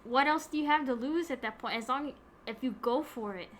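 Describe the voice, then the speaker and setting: A woman's voice: high voice, brisk, fairly bright tone, slight background noise. A young woman giving brief, offhand remarks in a casual sports chat, speaking from off the mic.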